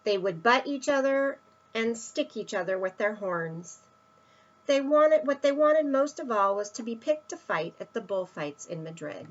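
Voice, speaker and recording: A woman with a fairly high pitch and lively intonation reads a children's picture book a little slowly, with lo-fi sound. Her reading is expressive, full of emphatic stresses and little asides aimed at young listeners.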